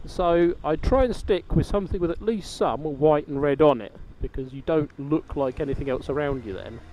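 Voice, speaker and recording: A man's voice: fairly high pitch, moderate pace. A British man chatting casually and reflectively inside a helmet while riding a motorbike, as a vlogger thinking aloud. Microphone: microphone inside helmet. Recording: muffled helmet audio, loud wind and engine noise.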